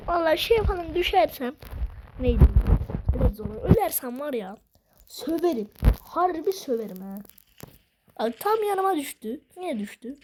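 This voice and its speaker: A woman giving excitable, slangy gameplay commentary, swearing now and then. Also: sits high, low-quality recording. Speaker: gaming video host.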